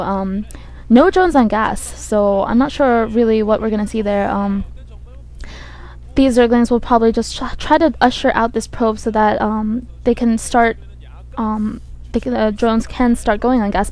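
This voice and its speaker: A woman with a croaky voice from a cold gives hesitant esports commentary, thinking aloud as she goes. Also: on the high side, darkish tone. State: has a cold. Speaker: game commentator. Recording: buzzy microphone.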